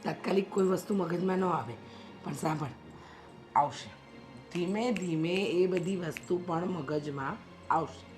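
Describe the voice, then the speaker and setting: An actress playing a sly friend who gives scheming, evasive advice, with a Gujarati accent. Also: female voice, fairly low pitch, measured pace, long pauses, a little mellow, faint music behind, lightly acted.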